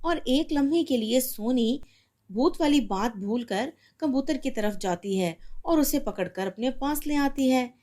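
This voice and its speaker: A woman narrating a storybook tale in a calm, even storytelling manner. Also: high voice, a little slow.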